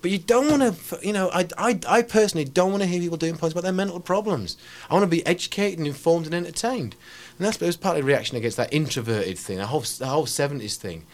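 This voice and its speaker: A man's voice: fairly high pitch, lively intonation, quick pace. A middle-aged man, a ranting poet talking in a radio interview, brash and rambling with many restarts. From England.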